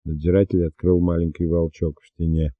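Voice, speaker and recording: A man reads a novel aloud in a measured, steady way. His voice is very low. The recording is muffled, with no room echo. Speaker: audiobook narrator. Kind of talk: scripted narration. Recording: dull dry lo-fi recording.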